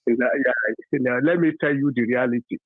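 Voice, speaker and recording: Husky Yoruba-accented caller over a phone line. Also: male voice, mid-range voice, no echo. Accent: Nigerian, Yoruba. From Nigeria. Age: 50s. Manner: halting, full of fillers and restarts, emphatic. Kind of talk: call-in radio opinion. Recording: dry tinny phone line.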